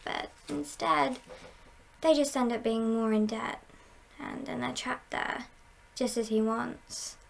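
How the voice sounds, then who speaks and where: A woman playing a confident, scheming female heist boss in an ASMR role-play, speaking in a measured, playful and conspiratorial way with a creaky voice. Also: fairly high pitch. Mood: conspiratorial, knowing.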